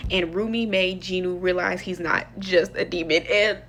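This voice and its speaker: A young woman talks through a movie review in a loose, slangy vlog style. She is expressive and chatty, and her voice jumps up and down as she gets into it. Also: normal speed. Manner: chatty, expressive, slangy, lively pitch swings.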